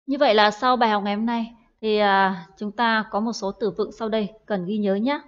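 In dull lo-fi audio, a woman gives an online English lesson in Vietnamese, full of hesitant fillers and words repeated for practice. She speaks at a normal speed in a mid-range voice with fairly even intonation.

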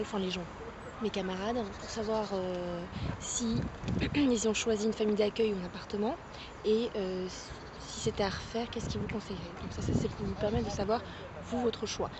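A woman's voice: medium pitch, very noisy. A young woman chatting casually while giving a tour of her home, with plenty of fillers and asides. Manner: chatty, coos at her dog. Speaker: vlogger.

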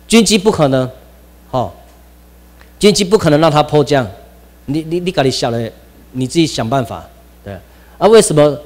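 A man's voice: fairly high pitch, big-room sound. A man with a Taiwanese Mandarin accent giving an informal classroom lecture, rambling with frequent restarts and exclamations.

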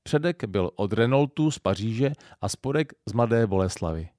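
Lively Silesian-accented male narrator. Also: lowish voice, no room sound, clean studio sound. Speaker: audiobook narrator. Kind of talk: scripted narration.

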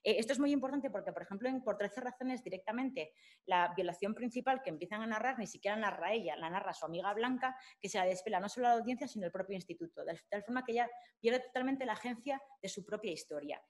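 Woman lecturing, halting and informal. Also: medium pitch, lively intonation. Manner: informal, many fillers and restarts. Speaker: lecturer at a summer course. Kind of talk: academic talk with slides.

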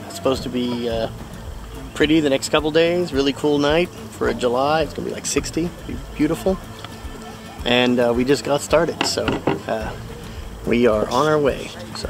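A middle-aged man vlogging outdoors on a river with a phone held at arm's length, relaxed and upbeat, full of fillers. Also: mid-range voice, gravelly, low-quality recording. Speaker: outdoor instructor. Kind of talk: casual vlog narration.

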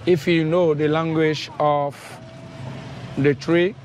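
Higher-voiced Beninese man guiding a tour. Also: level tone, darkish tone, a little hiss or hum. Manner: halting non-native English with simple phrasing. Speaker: temple tour guide. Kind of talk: explanatory guided tour. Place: outdoors in a temple courtyard. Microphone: clip-on lavalier.

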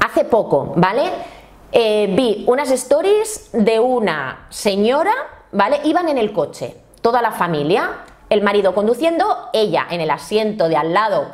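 A woman with an accent from Spain hosting an opinionated commentary, blunt and indignant, talking straight to her viewers. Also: on the high side. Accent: Spain Spanish. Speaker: commentary channel host.

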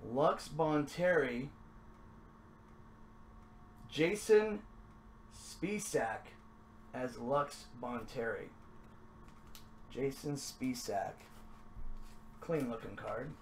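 A man's voice: mid-range voice, animated, drawn-out words, long pauses, slight background noise. A man hosting a trading card break, chatting casually as he opens packs, upbeat and then mumbling to himself. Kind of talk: casual card-opening commentary.

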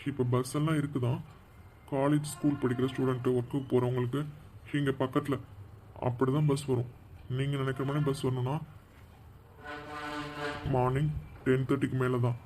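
A man's voice: medium pitch, level tone, normal speed, pauses often, mellow, slight background noise, lightly acted. A man voicing a caring young man in a cartoon who firmly questions and insists. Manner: firm, questioning.

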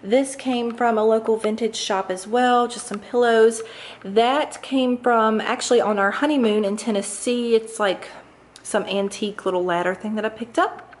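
Holding a camera as she walks through her large kitchen and dining room, a young woman chats in an upbeat, casual way, with plenty of fillers. Her voice is fairly high, evenly intoned, and at normal speed, and there's slight background noise on the camera mic.

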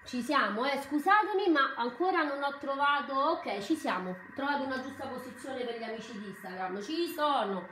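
A woman with a high voice talks her viewers through a recipe in a live cooking demonstration. She is chatty and excitable, often apologizing as she goes. Her voice bounces around a roomy home kitchen, with faint noise behind her. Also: normal speed, hardly any pauses.

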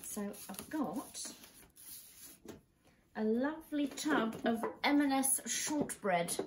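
A woman's voice: high-pitched, animated, takes it slowly, a little hiss or hum, rough recording. A British woman in her thirties chatting casually as a vlog co-host in her living room.

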